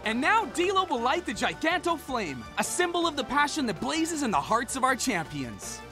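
A high-voiced, showy cartoon dinosaur works as a booming sports announcer. The delivery swoops widely and stretches key words grandly, with loud music playing behind it. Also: very animated, moderate pace. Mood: showy, excited. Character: excitable small dinosaur games host, showy prize announcer. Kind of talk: cartoon commentary.

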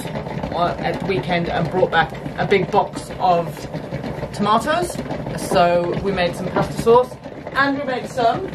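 A woman in her thirties, chatting casually and explaining as she works in a small home kitchen, recorded on a camera mic. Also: medium pitch. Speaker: homestead vlogger. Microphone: camera mic on the counter. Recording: noisy kitchen camera audio.

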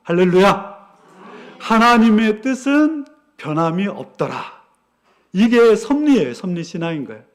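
A male pastor preaching a Sunday sermon in church, animated and storytelling. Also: high voice, unhurried. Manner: animated storytelling, acting out quoted voices.

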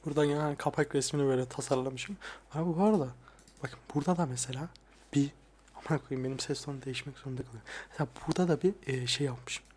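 A young man talking casually and softly, often swearing, as he looks back at his old videos. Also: fast talker, breathy edge. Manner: crude, frequent swearing; soft-spoken, dropping voice low at times. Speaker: ASMR YouTuber. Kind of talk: casual soft-spoken vlog. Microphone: lapel mic.

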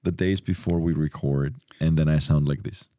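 A man hosting a casual podcast, talking with a cold in a relaxed, rambling way. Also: extremely low pitch, normal speed, no room sound, clean studio sound. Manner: relaxed, rambling, restarts often. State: has a cold. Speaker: podcast host.

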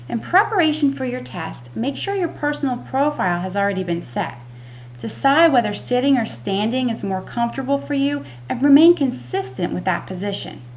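A woman's voice: medium pitch, poor audio. A woman giving scripted instructional narration as a patient education specialist. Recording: audible background noise with hum.

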